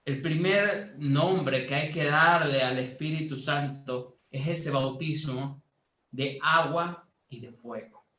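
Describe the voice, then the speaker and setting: Male lay preacher from Bolivia, unhurried teaching sermon, echoey room sound. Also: a little high, pushed and bright. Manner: slow, teaching tone with many fillers, rising to emphatic preaching. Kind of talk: sermon to a youth group.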